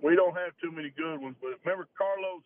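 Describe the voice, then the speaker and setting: A man's voice: on the high side, fast, dry recording. A man from Arkansas with a Southern accent, calling into a radio show, folksy and joking over a phone line. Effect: phone call into a radio show. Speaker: caller.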